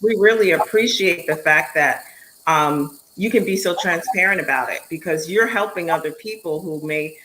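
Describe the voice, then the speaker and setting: A woman's voice: lowish voice, moderate pace, bright, forceful tone, slight background noise, rough recording. Upbeat woman hosting an online show. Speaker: host.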